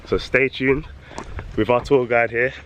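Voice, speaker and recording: A man's voice: mid-range voice, steady tone, a little slow, a bit bright, a little hiss or hum. A man vlogging casually on a farm tour, joking and using slang in a laid-back way. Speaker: travel vlogger. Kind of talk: casual vlog chat. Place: outdoors on a farm.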